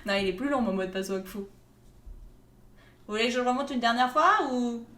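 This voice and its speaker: Her voice is a little high and a bit bright, with lively intonation and a slightly fast pace, as she draws tournament pools live. The woman keeps things playful in her casual live-stream commentary, laughing often and joking with viewers. Faint noise and echo fill the room.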